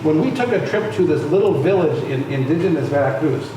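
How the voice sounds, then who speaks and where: A brisk, expressive voice with fairly high pitch comes from a middle-aged American man speaking on stage as a panel guest. The musician and arts center founder is conversational and full of stories, restarting often, in a lecture room recorded with heavy echo, noise, and a distant mic.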